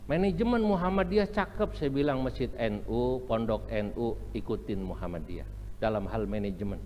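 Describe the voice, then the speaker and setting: A man's voice: medium pitch, normal speed, a little mellow, slight background noise. A middle-aged man from Indonesia, giving a humorous religious lecture that slips into chanted Arabic phrases. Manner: chants and sings Arabic phrases, jokes about regional accents. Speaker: Islamic preacher. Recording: echoey hall, faint room ambience.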